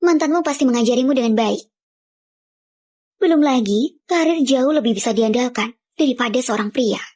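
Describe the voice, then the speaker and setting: A woman's voice: on the high side, moderate pace, a little mellow, lightly acted. A woman dubbing a proud, self-assured career woman who speaks coolly in a drama.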